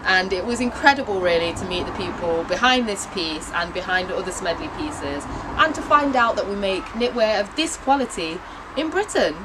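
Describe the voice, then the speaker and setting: Chatty female knitter, upbeat and playful, street noise in the background, mid pitch. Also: animated, moderate pace. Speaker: knitter on a visit. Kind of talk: casual account. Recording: outdoors with traffic noise.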